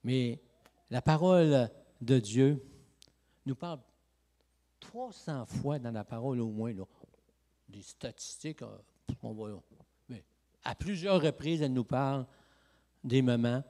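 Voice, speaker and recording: A male pastor from Lac-Saint-Jean with a Quebec French accent, giving a lively, joking evangelical sermon full of "hey" and "amen" interjections. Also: mid-range voice, a little slow, long pauses. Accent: Quebec French, Saguenay–Lac-Saint-Jean. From Quebec, Lac-Saint-Jean region. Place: church sanctuary.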